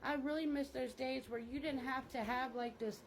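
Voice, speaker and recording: A woman's voice: high-pitched, fairly even intonation, normal speed, a little hiss or hum, rough recording. A mother talking candidly in a rambling, casual monologue, full of "like" fillers, while changing clothes.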